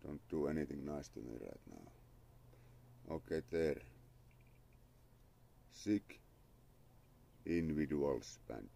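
With an extremely low, gravelly, warm voice, a young man from Finland chats slowly and animatedly, leaving long pauses. He's outdoors in his yard under a parasol on a live stream, thanking followers and muttering to himself in a Finnish accent. His phone camera is held at arm's length.

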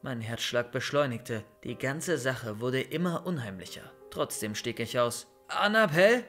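A young man reading a first-person horror story as scripted narration, calm and steady. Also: mid-range voice, measured pace, soft background music. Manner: calm storytelling, loud shouted calls in scenes.

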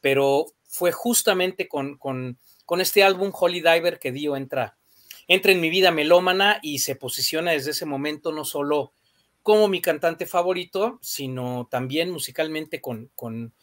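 Guy hosting, kinda high voice, thinks out loud with lots of pues and este. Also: a little slow. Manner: thoughtful, reflective, with fillers like "este" and "pues". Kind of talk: casual conversation.

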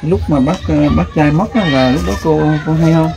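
A man's voice: on the high side, brisk, gravelly. A man asking short interview questions and giving brief prompts. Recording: crowd noise behind.

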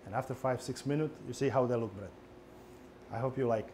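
A middle-aged man from Bosnia and Herzegovina with a Bosnian accent, speaking halting broken English with many pauses in an interview, recorded on a lapel mic in a bakery. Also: medium pitch, a little mellow, a little hiss or hum. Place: indoor bakery.

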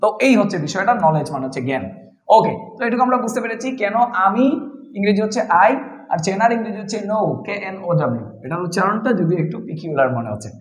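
A man with a fairly high voice teaches a beginner English class. He works through each point patiently and spells words out letter by letter. The sound has a roomy echo. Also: very animated, fast talker. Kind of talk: spoken English lesson.

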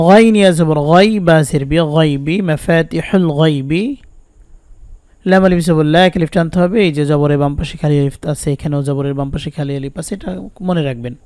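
A man with a Bangladeshi Bengali accent teaches step by step, spelling out each syllable and repeating it patiently. His voice sits a little high and sounds smooth and clear. The recording is dry and close, with no room echo. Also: a little fast, darkish tone. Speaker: Quran recitation teacher. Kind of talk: step-by-step spelling lesson with slow recitation.

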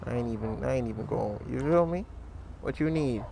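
Calling his viewers gang, this man offers slangy, relaxed commentary while playing a crime role-play game for his YouTube series. His medium-pitched voice is a little fast with vocal fry, against a noisy background.

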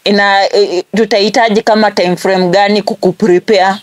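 Here the twenty-something Kenyan host of a prank call show uses a mid-range voice, holding a steady tone at a moderate pace. Her phone chat is casual and blends Swahili with English.

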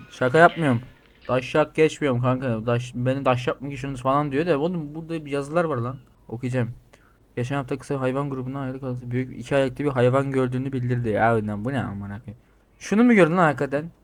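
A man giving crude, excitable commentary while playing a game, reading out the other characters' lines and yelling when startled. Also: mid-range voice, quick pace. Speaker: gaming streamer. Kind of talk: swearing playthrough commentary.

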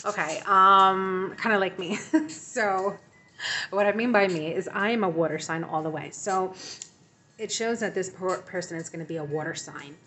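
A woman's voice: lowish voice, normal speed, a little hiss or hum. A woman giving a tarot reading to her viewers, speaking in a reassuring way with frequent ums and repeated phrases. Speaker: tarot reader.

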